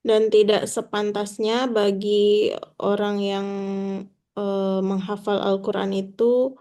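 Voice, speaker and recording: Casting: female assistant, slow and mellow, heard at a distance from the mic. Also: medium pitch, flat delivery. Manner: short, soft translations. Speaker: translator assistant.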